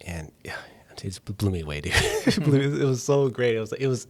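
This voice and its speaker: A man, a film director, talking casually and excitedly on a podcast with many restarts. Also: medium pitch, brisk, no room sound. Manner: enthusiastic, rambling with restarts.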